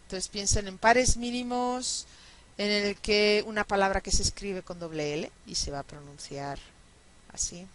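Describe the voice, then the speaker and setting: A woman lecturing on speech sounds at an unhurried pace. She says example words one by one with care and keeps checking in with her listeners. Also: medium pitch, fairly even intonation. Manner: repeats example words slowly and carefully. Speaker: language teacher. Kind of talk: recorded lecture on Spanish phonetics.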